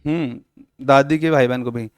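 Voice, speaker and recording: Man teaching a coaching class, jokey and teasing, clear smooth voice, dry sound. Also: mid-range voice, steady tone, measured pace, no echo. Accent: Hindi-English mixing, Rajasthan. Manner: joking, teasing students, acting out scenes. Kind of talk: classroom lecture.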